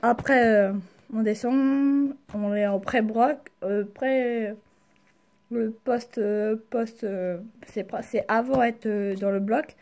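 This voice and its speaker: A young woman chats casually in a vlog, halting and slangy, speaking carefully with a sore mouth after wisdom teeth removal. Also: a little high, fairly even intonation, darkish tone. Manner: halting, slangy, searching for words. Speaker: vlogger. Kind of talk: casual personal storytelling to camera.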